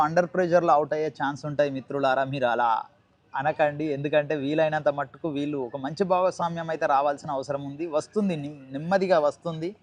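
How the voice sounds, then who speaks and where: Man, live cricket commentator, Telangana Telugu accent, fairly high pitch, repetitive phrasing, English cricket terms mixed in. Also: no echo. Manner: repeats and rephrases himself, mixes in English cricket terms.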